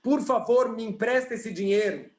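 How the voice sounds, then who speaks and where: A man's voice: extremely high pitch, moderate pace, darkish tone. Tearful begging poor man, as a rabbi puts him on. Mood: pleading. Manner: pleading, tearful. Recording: roomy video call audio.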